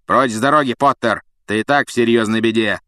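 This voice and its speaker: A man voicing a cruel, vengeful male professor who hisses threats and shouts in rage. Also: mid-range voice, expressive, moderate pace, no echo, studio quality, natural voice. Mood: furious. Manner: hissing menace turning to shouting rage.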